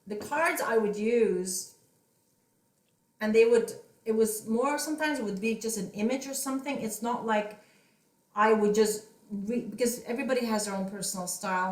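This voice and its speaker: A woman host who chats easily and affirms her guest often. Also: mid-range voice. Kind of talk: casual video interview chat. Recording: roomy echo, distant from the mic.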